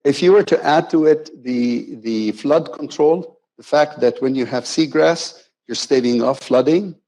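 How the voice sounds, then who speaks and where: Mellow-voiced man giving a playful keynote. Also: medium pitch, unhurried, rough recording. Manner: conversational and playful, with self-corrections. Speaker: conference keynote speaker. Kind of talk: conference keynote talk. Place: conference hall.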